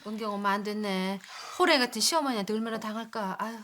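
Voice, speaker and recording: Actress playing a nosy, indignant housewife. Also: female voice, medium pitch, quick pace, fairly bright tone, close to an everyday voice. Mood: gossiping. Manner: nagging, indignant. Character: nosy neighborhood housewife, touchy, gossipy. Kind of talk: sitcom acting.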